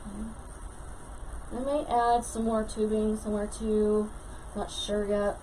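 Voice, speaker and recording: A woman's voice: mid-range voice, level tone, measured pace, mellow. A middle-aged woman hosting a casual live craft tutorial, talking in short bits as she works at a table in a small indoor room. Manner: talks in short bits while working with her hands. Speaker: craft livestream host. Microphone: camera across a worktable. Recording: noisy home craft room. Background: clear background noise.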